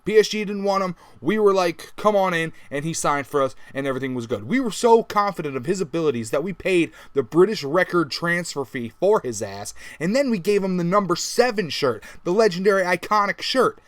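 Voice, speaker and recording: A man's voice: high-pitched, expressive, fairly quick, hardly any pauses, no room sound. A man ranting angrily in a football vlog, swearing and mimicking people in sarcastic mock quotes. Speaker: football vlogger.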